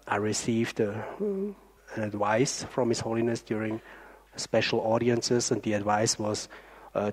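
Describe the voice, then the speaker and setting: A man, a local councillor, answering on a panel in a relaxed, chatty way and quoting his own thoughts. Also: lowish voice. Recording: echoey hall.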